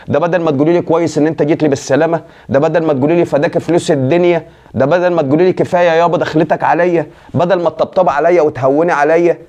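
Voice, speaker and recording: A man's voice: fairly high pitch, a little mellow. A man with an Egyptian Arabic accent who pleads, scolds and preaches in a comedy sketch and speaks straight to viewers.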